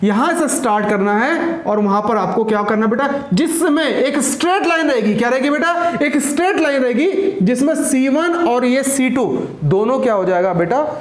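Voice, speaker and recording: High-pitched teacher, echoey room. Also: male voice, expressive, normal speed, hardly any pauses. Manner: keeps asking and repeating, calls students beta. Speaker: school science teacher. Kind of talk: classroom lecture.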